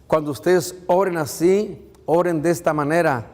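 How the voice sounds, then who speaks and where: A man's voice: fairly high pitch, moderate pace, a little mellow. Man preaching in a reverberant church. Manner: preaching with rhetorical questions, calling out to the congregation. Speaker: pastor. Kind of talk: sermon.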